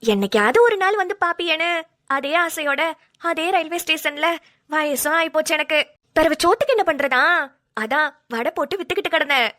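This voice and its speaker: High tearful woman voicing a cartoon. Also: animated, fairly quick, fairly bright tone. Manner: tearful, pleading, rural dialect. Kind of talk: melodramatic cartoon voice acting.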